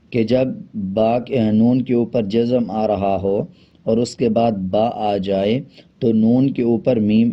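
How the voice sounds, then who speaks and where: A man teaching a Quran reading lesson, switching between brisk explanations and slow, drawn-out spelling of letters. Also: fairly low pitch. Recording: dull lo-fi sound.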